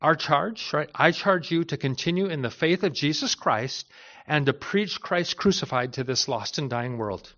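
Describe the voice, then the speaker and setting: A man's voice: on the high side, animated, moderate pace, fairly bright tone. A man preaching a sermon to a church, earnest, asking rhetorical questions and often adding "right?". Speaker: pastor. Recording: dull lo-fi recording.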